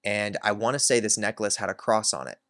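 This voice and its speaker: A man's voice: on the low side, fairly quick, a bit bright, no room sound, clean studio sound. A man hosting his own channel, candidly telling a personal story in a reflective way, with many filler words. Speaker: self-help channel host.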